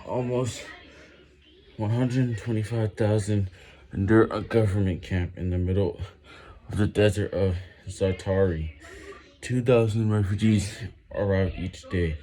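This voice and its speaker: Man, low mellow voice, reading aloud while doing push-ups, halting strained phrases, physical exertion. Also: steady tone.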